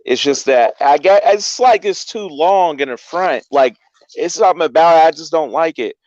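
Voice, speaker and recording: A man's voice: a little high, normal speed, darkish tone, no room sound. An American man chatting casually as a guest on a livestream. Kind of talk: casual chat. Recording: dull, dry lo-fi stream audio.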